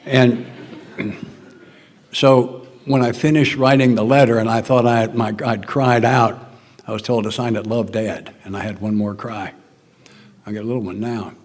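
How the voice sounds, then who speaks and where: A man's voice: medium pitch, fairly even intonation, moderate pace, big-room sound. An older man with a Southern American accent, telling his story in an earnest, plainspoken way at a recovery meeting, sometimes dropping to a near whisper. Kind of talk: personal talk at a recovery meeting.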